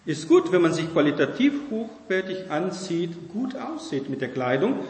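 A man's voice: fairly high pitch, sing-song, normal speed, darkish tone. Man preaching in an echoey hall. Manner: conversational preaching with frequent "ne?" tags. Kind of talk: sermon. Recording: echoey hall with long reverb.

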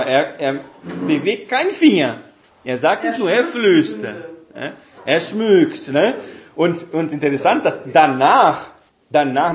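A man giving a Bible teaching talk in a halting way, with many fillers and tag questions. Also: on the high side, roomy sound. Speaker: preacher.

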